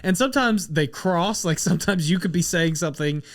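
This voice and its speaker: A man's voice: a little high, animated, fairly quick. A man hosting a podcast in casual chat, a playful storyteller who slips into silly voices. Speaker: podcast host.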